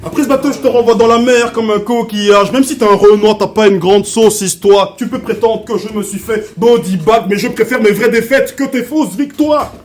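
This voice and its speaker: A man's voice: high voice, normal speed, few pauses. A man delivering taunting, conversational a cappella battle rap. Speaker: battle rapper. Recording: echoey room, faint noise.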